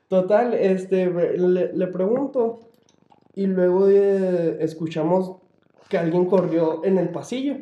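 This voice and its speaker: A man's voice: high-pitched, fairly even intonation, slow pace, long pauses, dark tone, dull audio. A man with a Mexican accent casually telling a story to friends, rambling and full of fillers and slang. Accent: Mexican Spanish. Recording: roomy echo.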